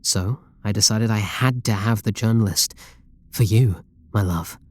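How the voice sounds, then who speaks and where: An unhurried, lowish, darkish voice belongs to a British-accented man acting in an intimate roleplay audio drama. His character is a lovestruck game developer, obsessive, possessive, doting and controlling. He comes across fervent and confiding, using pleading endearments.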